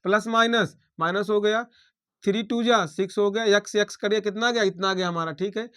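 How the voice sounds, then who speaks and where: A man's voice: high voice, steady tone, fairly quick, a bit bright, smooth. A man teaching a maths lesson, talking through each step aloud and checking in with his students.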